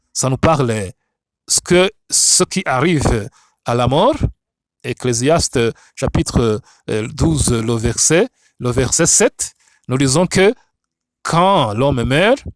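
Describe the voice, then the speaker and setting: A man's voice: medium pitch, no room sound. A man with a foreign accent in French, a non-native speaker, teaching the Bible like a preacher in an emphatic, repetitive, didactic way with rhetorical questions. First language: not French.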